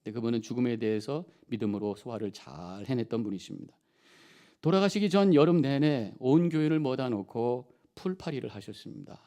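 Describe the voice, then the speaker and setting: A middle-aged male pastor preaching a sermon, impassioned, rising loud on key phrases and dropping soft in between. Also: medium pitch, expressive, a little fast.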